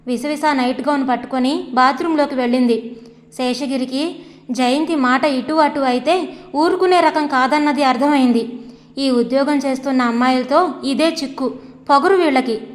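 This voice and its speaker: A woman storyteller reading a novel aloud in an even, measured way. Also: high-pitched, long reverb tail.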